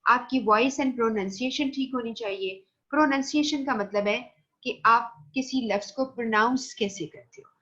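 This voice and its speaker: A woman with a Pakistani Urdu accent gives a recorded classroom lecture in a fairly high, bright, forceful voice at a moderate pace. She explains patiently, mixes in English phrases and keeps checking in with "theek hai." The recording is dull and lo-fi.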